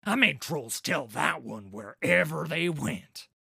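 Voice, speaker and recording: Storybook troll, small, cunning and boastful, put on by a male narrator, lively dry delivery. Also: a little high, slow pace, gravelly, husky, no echo, voice pushed up, heavily acted. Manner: cocky, bragging.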